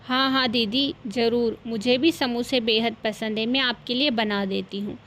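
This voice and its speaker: A woman's voice: a little high, fairly even intonation, moderate pace, a bit bright, a little hiss or hum, lightly acted. A woman voicing a polite, sensible young bride who speaks respectfully in a cartoon story.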